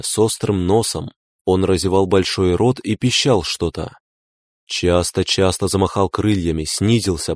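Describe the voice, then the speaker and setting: Low-voiced male audiobook narrator. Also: darkish tone, dry recording, studio quality. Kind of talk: scripted narration.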